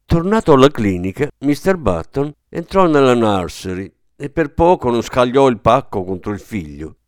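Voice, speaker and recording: An expressive male narrator reads a literary tale in a measured, storytelling way. His pitch moves in a lively, animated manner. The recording is dry and close. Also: clean tone, no echo. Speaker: audiobook reader.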